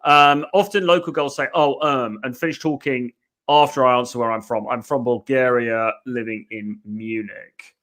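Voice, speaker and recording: A man's voice: mid-range voice, steady tone, normal speed, a bit bright. A man, hosting a casual podcast and talking through a listener's question with many hedges. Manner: chatty, hedging, answers listener questions. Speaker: dating coach host.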